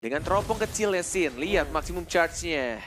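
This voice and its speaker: A man with an Indonesian accent calling live game action like a fighting game announcer, excitedly, with exclamations and drawn-out calls. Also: fairly high pitch, a little hiss or hum. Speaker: esports shoutcaster. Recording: game music behind the voice.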